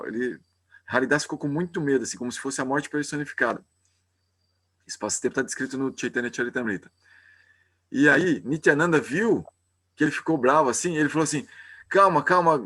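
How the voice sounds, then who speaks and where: A man leads a devotional class. His voice sits at a middle pitch, and he narrates a scripture story in a loose, informal way, often catching himself and starting his sentences over. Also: fairly bright tone. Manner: informal, hesitant, with frequent restarts.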